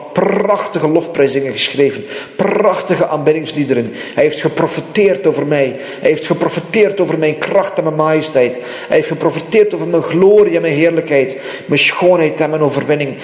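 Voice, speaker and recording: Man, fervent prophetic preacher; slightly high voice, echoing hall with long reverb. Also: a little mellow. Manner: fervent, repetitive, speaks in first person as God. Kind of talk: prophetic sermon.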